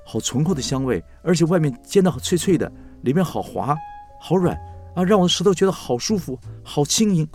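A man's voice: mid-range voice, very animated, fast, darkish tone, faint music behind, pitched above the performer's own voice. A man voicing a dreamy, food-loving young girlfriend who gushes with delight. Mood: rapturous.

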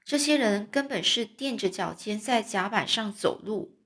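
一位带台湾口音的女士，为孩子朗读章节小说，语速平稳、音高适中，常停下来用口语解释生词，像在床边讲故事。. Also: female voice, mid-range voice, normal speed, fairly bright tone. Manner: explains words to young listeners, chatty asides. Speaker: storyteller. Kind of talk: reading a children's novel aloud.

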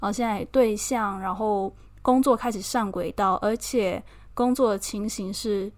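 A woman's voice: mid-range voice, unhurried. A woman from Taiwan with a Taiwanese Mandarin accent, chatting casually and expressively as a podcast host, laughing often. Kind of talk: casual personal chat.

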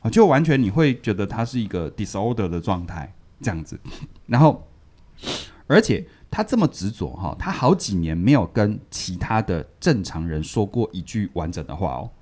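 A man with a lowish voice and a moderate pace reviews a book as a podcast co-host. Retelling its story in a relaxed, animated way, he repeats words and laughs as he talks.

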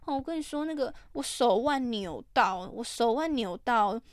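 A woman puts on a pleading young female bargain hunter at a market stall, drawn-out and whiny as she begs for a lower price. The voice comes through close and dry, without room sound. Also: expressive, dry recording, close to an everyday voice. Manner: slow, whiny, insistent begging. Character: pleading young woman haggling with lame excuses.

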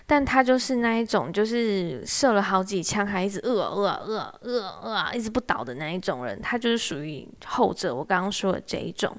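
Wry, animated woman. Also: mid-range voice, normal speed, hardly any pauses. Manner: animated, wry and exasperated, acts out quoted speech. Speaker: office worker telling a story. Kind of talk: casual storytelling monologue.

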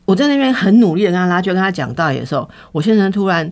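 This is a woman in a relaxed podcast conversation. Her voice sits somewhat low for a woman. She tells a personal story candidly and animatedly, slipping into the voices of the people she quotes. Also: very fast. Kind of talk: casual chat, personal storytelling.

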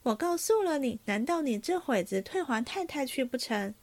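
A woman's voice: high voice, expressive, normal speed, pitched above the performer's own voice. Qingwen, a woman voicing a proud scornful maid. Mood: indignant. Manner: scornful, indignant retorts. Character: sharp-tongued proud young maid, quick to take offence.

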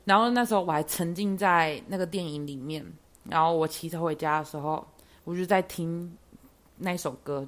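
A young woman, hosting a podcast and chatting through a personal story with lots of fillers. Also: fairly low pitch. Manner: chatty, lots of fillers, animated when excited. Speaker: podcast host.

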